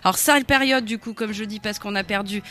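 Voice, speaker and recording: A woman's voice: medium pitch, fast talker, pushed and bright. A woman co-hosting a radio music show, chatting casually with lots of fillers and self-corrections. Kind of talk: casual on-air music chat.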